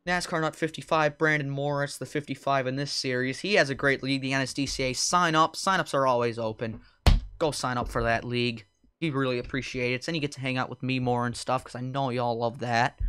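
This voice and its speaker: A young male league host commentates a sim race on his stream. His voice is smooth and clear at a mid pitch. He drifts into offhand chatter with viewers, then calls the racing action loud and high. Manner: casual, rambling asides to chat between race calls.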